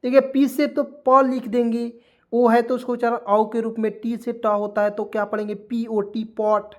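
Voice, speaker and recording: Speaking at normal speed in a very high, level voice, a man gives a spoken tutorial on English pronunciation. He spells words letter by letter, answers his own questions, calls viewers friends, and tags his lines with "okay."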